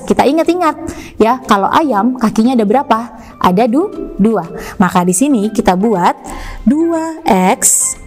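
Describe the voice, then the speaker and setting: Jakarta-accented woman teacher, kinda high voice, patient step by step math walkthrough, faint music behind. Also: a little mellow. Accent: Jakarta Indonesian. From Indonesia. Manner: patient, step-by-step, checks in with frequent tag questions. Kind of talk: recorded online math lesson.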